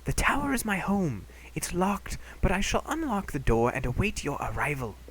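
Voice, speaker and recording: Man putting on a hushed old scholar, Doctor Tot. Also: high voice, wildly swooping pitch, moderate pace, slight background noise, voice pushed up, exaggerated voice, low-quality recording. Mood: hushed, helpful. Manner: raised, half-whispered old man's voice. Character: old male scholar, kindly and secretive.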